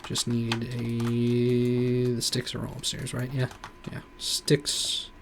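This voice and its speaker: A man's voice: mid-range voice, completely flat delivery, slow pace, a little hiss or hum. A man streaming a game, rambling casually with lots of "like" and "you know". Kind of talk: casual gameplay commentary.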